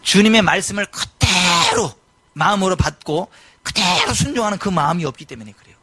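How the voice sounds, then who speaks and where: A middle-aged male pastor preaching a sermon in a church, animated and given to sudden loud exclamations. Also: sits high, a little fast, breathy edge, dry recording. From South Korea. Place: church sanctuary.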